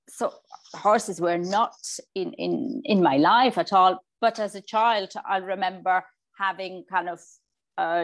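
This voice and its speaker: A woman in her forties from Spain with a Spanish accent, a riding coach chatting in an interview, often repeating words as she restarts. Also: medium pitch. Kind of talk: casual interview.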